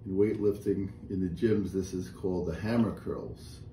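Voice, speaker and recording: A middle-aged man with a low voice and normal speaking speed instructs a seated exercise class, calmly walking through each movement and counting breaths. The small indoor room has a painted wall, and the nearby camera's recording sounds roomy with faint noise.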